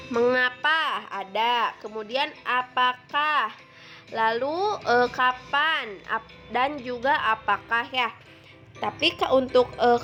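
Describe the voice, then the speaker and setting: A woman's voice: high-pitched, pushed and bright. A woman teacher giving a patient lesson to second graders, explaining step by step with frequent fillers.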